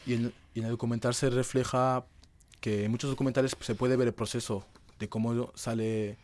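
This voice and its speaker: A young adult man from Madrid, Spain, a young dancer, gives conversational answers as an interview guest. He speaks briskly in a mid-range, darkish voice with little pitch movement.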